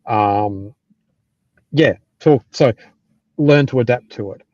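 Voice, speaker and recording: A middle-aged man with an Australian accent giving casual, blunt advice and anecdotes, sometimes halting as he thinks aloud. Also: mid-range voice, a little mellow, no room sound. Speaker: tech team lead giving career advice. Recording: dull, lo-fi, close dry sound.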